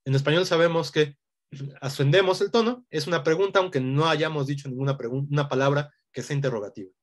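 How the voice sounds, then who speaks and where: Man, online teacher, higher pitch, explains step by step, video call sound. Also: fast. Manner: explanatory, often ends with a questioning "¿no?". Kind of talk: online language lesson.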